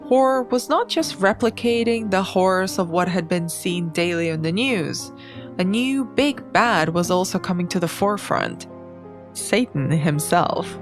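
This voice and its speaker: Female podcast host narrating over soft music. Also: fairly low pitch, expressive, unhurried. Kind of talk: scripted narration.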